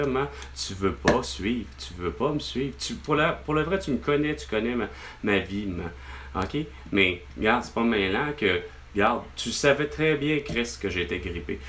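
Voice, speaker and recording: A vlogger with a Québécois French accent rants to his mother over the phone, rambling, exasperated, and swearing a lot. His voice is lowish, and there's background noise.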